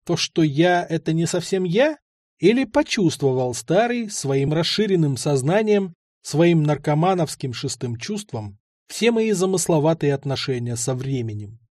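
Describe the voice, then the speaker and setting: A man narrating a first-person story in an expressive, ironic way. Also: on the high side, normal speed, no room sound, studio quality. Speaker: audiobook narrator.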